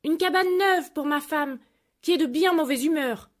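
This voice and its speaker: A poor, meek old fisherman from a children's storybook, as a woman puts him on. He speaks gently and obediently, and the voice sits higher and louder than her narration. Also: moderate pace, natural voice.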